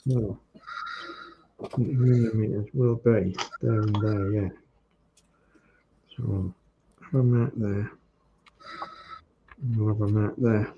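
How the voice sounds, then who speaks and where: A man's voice: fairly low pitch, steady tone, takes it slowly, pauses often. A man with a Hull accent talks casually to himself, thinking aloud as he works at a hands-on task. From Hull, England. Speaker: hobbyist presenter demonstrating model making. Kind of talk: casual muttered talk while working. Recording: muffled, clearly noisy room recording with clicks.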